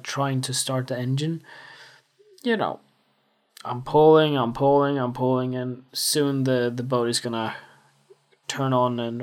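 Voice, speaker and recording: Young male host, casual and self-reflective solo talk. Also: medium pitch. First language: Swedish. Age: 20s. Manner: rambling, self-reflective, full of fillers. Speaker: podcast host.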